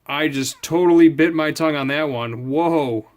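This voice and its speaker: Handling products and thinking aloud, this video channel host gives a casual, rambling, unscripted unboxing review. He speaks at a moderate pace in a voice on the high side with a darkish tone.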